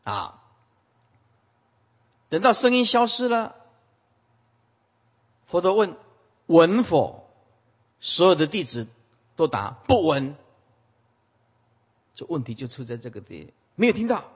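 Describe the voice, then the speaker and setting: A man giving an animated Buddhist sutra lecture, repeating commands to his listeners, with a husky voice. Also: on the high side, measured pace, long pauses. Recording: muffled, echoey hall.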